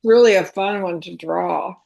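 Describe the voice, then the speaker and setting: A woman's voice: on the low side, unhurried, gravelly, mellow, lo-fi sound. A woman student in a drawing class, hesitant and careful as she explains her work. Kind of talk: casual class chat.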